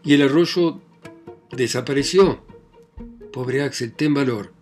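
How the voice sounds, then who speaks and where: A man's voice: medium pitch, slow pace, a little mellow, soft background music, natural voice. A man voicing an anxious old uncle calling out. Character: worried elderly uncle calling through rock.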